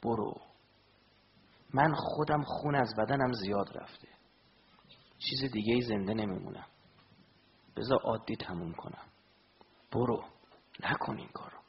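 A man voicing a gravely wounded, dying holy man, speaking in a hushed, breathy, pleading way within a sermon. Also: medium pitch, long pauses, lo-fi sound, pitched below the performer's own voice, natural voice. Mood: weak, pleading.

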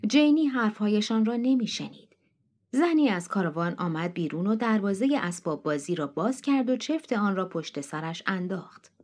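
A woman reading a short story aloud as an audiobook. Her narration is steady and measured. The pitch sits in an ordinary middle range.

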